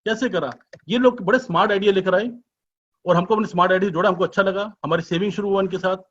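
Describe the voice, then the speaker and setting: A man giving a business presentation as an informal sales pitch, chatty and persuasive, full of rhetorical questions and teasing asides. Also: fairly even intonation, fast, a bit bright. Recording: dull lo-fi recording.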